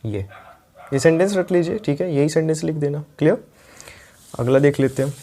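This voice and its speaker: Slow repetition of example sentences marks this patient English grammar lesson from a young man with an Indian accent. His voice is on the high side and dark in tone.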